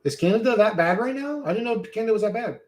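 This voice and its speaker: This live streamer talks fast in a high-pitched voice with lively intonation. He chats casually, swears freely, rambles, reads and responds to chat, and keeps calling everyone "bro."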